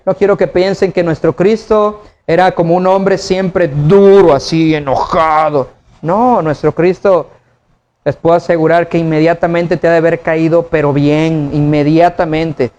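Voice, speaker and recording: High-voiced preacher, chatty and animated. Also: male voice, moderate pace, dull audio. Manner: conversational preaching with rhetorical questions to the congregation. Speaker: pastor. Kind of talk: sermon. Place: church.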